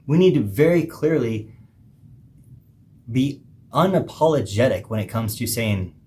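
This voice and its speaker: A man hosting a podcast, giving an emphatic, preachy monologue with pauses between phrases. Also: mid-range voice, animated, dark tone. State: hiccuping. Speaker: podcast host. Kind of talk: opinionated monologue.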